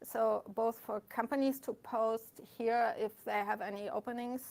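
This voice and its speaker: In a meetup room with people present and an online stream, the host speaks informally as she greets everyone and gives announcements. Her voice is on the high side, creaky and darkish, with fairly even intonation at a normal speed.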